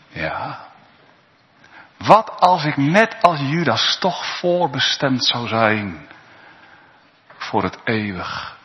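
A male pastor preaching a sermon in a church, slow and earnest, swelling into pleading appeals. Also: medium pitch. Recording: long reverb, dull sound in a church.

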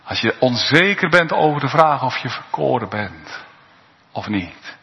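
A male pastor preaching a sermon in a church, slow and earnest, swelling into pleading appeals. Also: medium pitch, sing-song, gravelly, a little hiss or hum. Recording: long reverb, dull sound in a church.

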